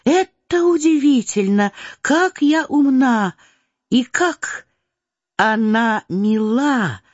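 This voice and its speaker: Woman doing a lively, excitable teenage girl. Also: a little high, drawn-out words, no room sound, pitched above the performer's own voice, full character voice. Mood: eager. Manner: excited, insistent. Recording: slightly dull dry recording.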